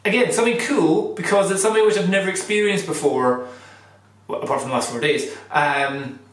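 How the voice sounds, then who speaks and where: A man's voice: high-pitched, a little fast. A man talking casually to camera in a vlog, rambling and thinking aloud. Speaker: vlogger doing a cold-water challenge. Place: echoey indoor room with hard surfaces. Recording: very echoey room, distant mic.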